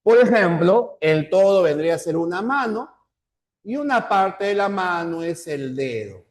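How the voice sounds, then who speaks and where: A man's voice: high voice, expressive. Peruvian male teacher, lecturing. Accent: Peruvian Spanish. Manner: repeats key terms, tags sentences with "¿ya?"; slows down to spell out examples. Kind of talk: classroom lecture.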